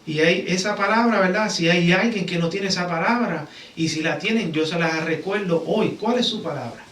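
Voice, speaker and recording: At normal speed and in a high, fairly bright voice, a Puerto Rican man delivers a conversational sermon in a church sanctuary, repeatedly seeking agreement with rhetorical tag questions. The audio is roomy, with a distant mic and some background noise.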